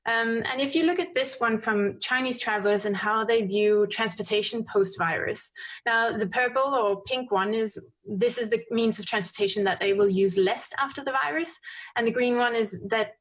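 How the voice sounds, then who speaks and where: A woman giving a conference presentation with slides, talking quickly with frequent fillers and self-corrections. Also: fairly high pitch, fairly bright tone. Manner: fast-paced with frequent fillers and restarts. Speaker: conference speaker. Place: conference stream.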